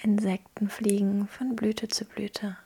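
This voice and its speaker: Female meditation guide: hushed, husky-breathy near-whisper, gentle delivery with unhurried pauses. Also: medium pitch, little pitch movement. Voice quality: soft, breathy. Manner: gentle, hushed, slow pauses between phrases. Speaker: podcast host guiding a meditation.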